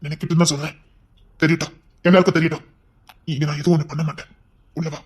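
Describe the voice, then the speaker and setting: Man acting young husband, audio drama, possessive, insistent, tender, fast talking, husky. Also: level tone, darkish tone. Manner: insistent and commanding, turning low and tender.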